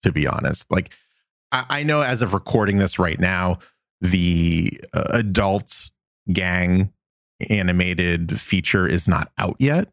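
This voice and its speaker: Podcast co-host, man, deep voice, casual and rambly, dry close recording. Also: takes it slowly, vocal fry, no room sound. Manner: relaxed, rambling with fillers like "like" and "uh". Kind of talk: casual chat and episode recap.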